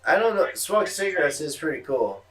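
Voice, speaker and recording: A man's voice: fairly high pitch, sing-song, moderate pace, fairly bright tone, distant mic, rough recording. Sarcastic man, heard off-mic. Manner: sarcastic, profane wisecracks. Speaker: podcast co-host. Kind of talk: casual chat over a movie.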